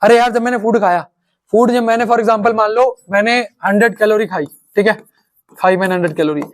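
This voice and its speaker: A man teaching a science lesson, firing quick questions at his students and answering them himself. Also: high-pitched. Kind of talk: online class lecture.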